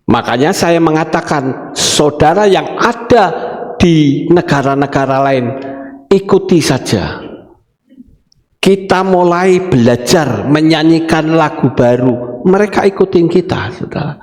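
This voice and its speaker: A man's voice: fairly high pitch, expressive, unhurried, a little mellow. A man preaching a sermon as pastor, addressing the congregation directly. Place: church hall. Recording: echoey church hall with long reverb.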